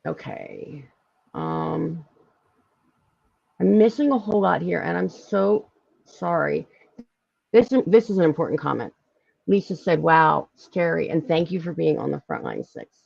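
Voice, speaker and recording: A woman with a Philadelphia accent, hosting a casual live-stream chat, talkative and quick to laugh. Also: low-pitched, creaky, slightly rough, no room sound, muffled recording. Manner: chatty, lively, laughs often, many fillers. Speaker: podcast host.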